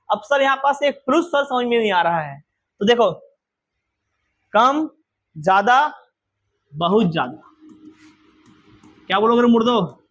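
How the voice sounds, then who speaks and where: A man's voice: extremely high pitch, fairly bright tone. A man teaching a grammar lesson to a class, quizzing students with repeated questions.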